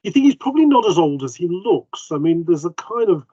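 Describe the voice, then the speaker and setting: A man's voice: high voice, very animated, brisk, mellow, breathy edge, no room sound. A man narrating as game master, chatty and full of hesitations. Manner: chatty, hesitant with ums, plays the vicar in quotes. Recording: dull, dry home mic.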